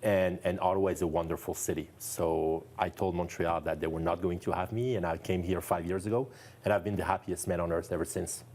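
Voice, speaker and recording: A French neurologist speaks accented English as a guest in a TV studio interview, his deep, mellow voice steady and brisk. He is earnest and enthusiastic, often repeating a phrase for emphasis.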